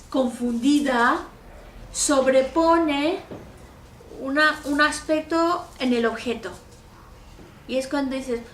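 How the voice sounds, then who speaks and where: High-voiced woman, echoey far mic. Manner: patient, explanatory, with frequent checking "¿vale?". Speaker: interpreter for a teacher. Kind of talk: explaining a philosophy lesson. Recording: echoey room, mic far off, faint noise.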